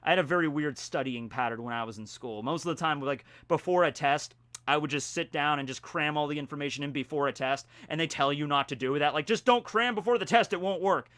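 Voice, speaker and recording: A man talking casually in a home vlog, with playful mock-grandiose announcing, theatrical emphasis and drawn-out words. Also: fairly high pitch, steady tone, a bit bright, dry recording. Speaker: vlogger. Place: indoors at home.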